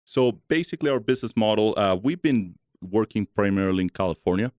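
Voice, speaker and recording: A man from Chile in his thirties, a guest talking in a relaxed, chatty way with many fillers. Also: on the low side, fast, no echo, clean studio sound. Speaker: guest, solar company founder. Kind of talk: casual interview talk.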